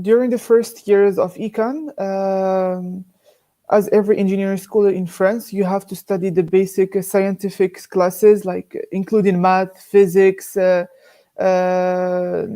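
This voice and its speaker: A man's voice: high-pitched, mellow. A young man from Morocco, an engineering student answering interview questions hesitantly, with many fillers.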